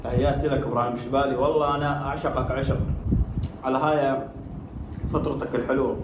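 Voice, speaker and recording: An Iraqi man hosts a food video with a casual, exclamatory delivery. He talks fast and straight to his viewers in an Iraqi accent. The room is echoey, with very loud noise around him. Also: medium pitch, flat delivery. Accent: Iraqi Arabic. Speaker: food challenge video host. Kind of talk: casual mukbang chat to viewers.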